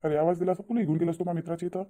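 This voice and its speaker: A man voicing a sly cheating husband in a cartoon, speaking in a fretful, rapid patter. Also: a little high, fairly even intonation, phone-quality sound, lightly acted. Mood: evasive. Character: sly cheating husband, caught between wife and lover. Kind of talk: cartoon voice acting.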